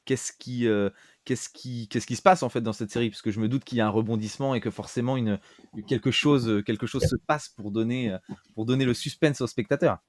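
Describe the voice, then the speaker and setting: A man's voice: mid-range voice, a little fast, a little mellow, dry recording. A man co-hosting a casual podcast, friendly, with mock-formal politeness. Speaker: podcast co-host. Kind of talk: casual chat.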